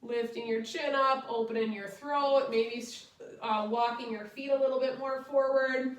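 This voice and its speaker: A woman's voice: sits high, fairly even intonation, unhurried, lo-fi sound. A woman yoga instructor guiding a chair class, giving short step-by-step cues. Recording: echoey room, distant microphone.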